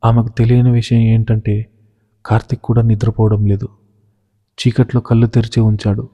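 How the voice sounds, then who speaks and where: Brief: male narrator, scripted story, low and monotone, reverberant lo-fi sound. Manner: even, measured storytelling. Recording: reverberant, dull lo-fi recording.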